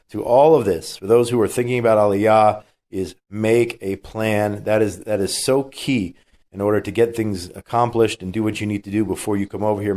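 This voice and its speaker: Hosting a talk radio show while nursing a cold, this man chats casually and reads the news in a conversational, opinionated style full of fillers and restarts. His voice is lowish with a darkish tone.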